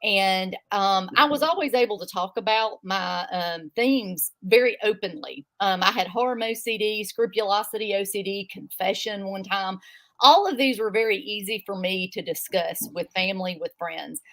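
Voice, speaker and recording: A woman's voice: medium pitch, normal speed, a bit bright. A woman in her fifties with a thick American Southern accent, sharing personal experience as an interview guest in an open, rambling way. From southern United States. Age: 50s. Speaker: guest mental health advocate.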